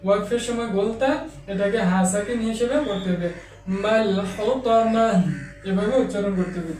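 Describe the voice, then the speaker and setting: A man teaching an online Quran reading lesson, explaining each rule and then chanting Arabic examples in a slow, drawn-out recitation. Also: high-pitched, darkish tone, recorded from a distance. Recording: echoey, off-mic room sound.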